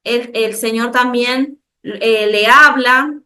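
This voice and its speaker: Woman with a Dominican accent teaching a Bible class over a video call, bright and crisp, explaining step by step. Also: on the high side, fairly even intonation, slight background noise. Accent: Dominican Spanish. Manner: slow, explanatory, with frequent restarts and questions to the class. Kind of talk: online bible class lecture.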